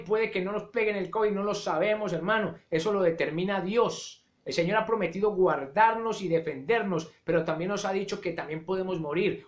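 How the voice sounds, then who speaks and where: A man preaching a sermon as pastor. He speaks fervently, drops slow and low on key words, and keeps calling his listeners "brother". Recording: roomy echo.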